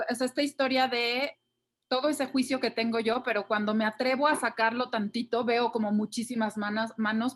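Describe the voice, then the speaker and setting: A Mexican woman, a mother, sharing candidly and colloquially in an online group session over a video call. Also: fairly high pitch. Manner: candid, colloquial, occasionally swearing. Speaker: workshop participant.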